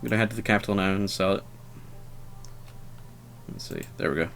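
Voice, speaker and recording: A man's voice: on the low side, brisk, creaky, a bit bright, faint music behind. A man giving casual, rambling gameplay commentary, hesitant and full of fillers, with a wry, self-deprecating manner. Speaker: let's player.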